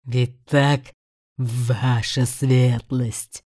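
A huge ancient demon of greed, put on by a woman reading a storybook, gloating and mocking. He speaks in a very deep, slow growl that slips into hissed whispers. The voice is loud and heavy. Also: level tone, exaggerated voice. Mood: contemptuous. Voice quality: low menacing growl, sometimes hissed whispers.

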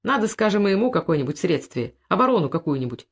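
A woman's voice: on the low side, sing-song, fast talker, vocal fry, husky, exaggerated voice. A burly, bear-like peasant thief, read by a woman, simple-minded and plaintive, talking in a whimpering folk speech. He complains like a man close to tears, in a storybook reading.

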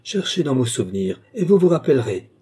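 A man's voice: mid-range voice, sing-song, a little fast, dark tone, husky, pitched above the performer's own voice. Man voicing a cool, commanding count. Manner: phlegmatic, commanding. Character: cool, domineering male count, mesmerist. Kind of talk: audiobook character reading.

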